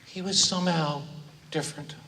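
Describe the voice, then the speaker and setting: Man, slightly high flat voice, halting address to a crowd; distant, echoey hall recording with clear room noise. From Oakland, California. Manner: halting, frequent pauses and fillers. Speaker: speaker acknowledging guests at a gathering. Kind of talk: informal public address to an audience. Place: large hall with an audience.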